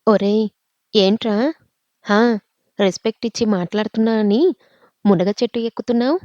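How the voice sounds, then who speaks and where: A woman's voice: mid-range voice, a little mellow, no echo, lo-fi sound, close to an everyday voice. A woman voicing a hot-tempered young working woman who scolds and snaps back. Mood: angry. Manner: scolding, quick retorts.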